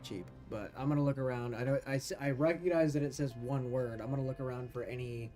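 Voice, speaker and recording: A man playing a tabletop game in a mellow, relaxed voice. He reasons aloud casually and slips in dry jokes, with music underneath. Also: mid-range voice, fast talker. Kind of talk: casual talk during tabletop role-play.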